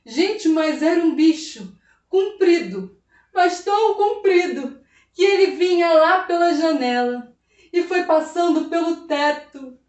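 A woman's voice: very high-pitched, animated, takes it slowly, darkish tone. A woman telling a folk tale dramatically, often turning to address her listeners. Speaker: storyteller. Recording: roomy, from a distance.

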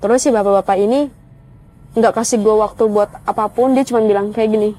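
A woman's voice: medium pitch, fairly even intonation, a little fast, warm tone. A young woman telling a spooky personal story in a casual, chatty way, speaking straight to her viewers. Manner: chatty, conversational, addresses viewers directly. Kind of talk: casual spoken horror story.

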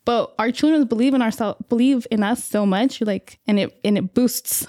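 A woman's voice: fairly high pitch, moderate pace, warm tone, no room sound, studio quality. A woman in her thirties co-hosting a podcast, telling stories in casual chat and acting out what her son said. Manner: storytelling, acts out her son's lines. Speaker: podcast co-host.

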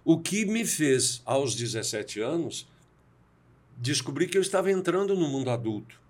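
With a fairly high, sing-song and slightly mellow voice at a moderate pace, a man in his sixties from Brazil reflects on personal stories as a podcast guest. He acts out the lines of dialogue he quotes while conversing.

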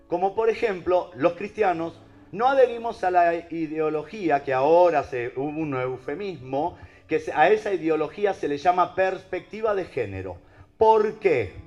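In a lo-fi recording, a preacher with a Rioplatense Spanish accent speaks animatedly, peppering his message with rhetorical questions to listeners. His somewhat high voice jumps up and down with emphasis over quietly playing soft music.

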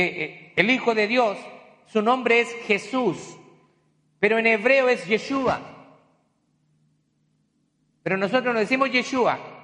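Pastor delivering a teaching sermon in a church sanctuary, man, bright tone, homely asides. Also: high-pitched, in a large hall. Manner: teaching, explains terms with folksy asides.

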